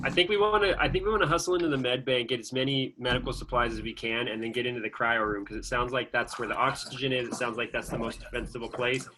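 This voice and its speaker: A man's voice: medium pitch, steady tone, fast, few pauses, background noise. Urgent young man playing a tabletop game. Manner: urgent, persuasive, raised voice. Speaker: player. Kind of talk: in-character tabletop play.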